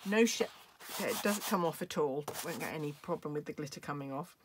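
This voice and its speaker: Woman from the UK, craft tutorial, lowish voice, hiccuping, chatty with ums. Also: fairly quick, background noise. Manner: chatty, apologetic, frequent ums. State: has hiccups. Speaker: craft demonstrator.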